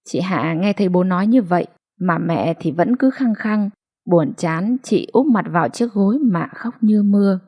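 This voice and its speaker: A woman narrating a late-night audiobook in a smooth, even storytelling voice. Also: lowish voice, moderate pace.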